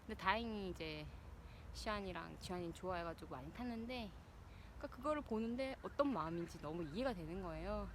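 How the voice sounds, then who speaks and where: A woman's voice: on the low side, expressive, fairly quick. A woman in her thirties chats casually to listeners while out running, like a personal vlog. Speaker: vlogger, a parent. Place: outdoors, out exercising. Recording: noisy outdoor recording, uneven level.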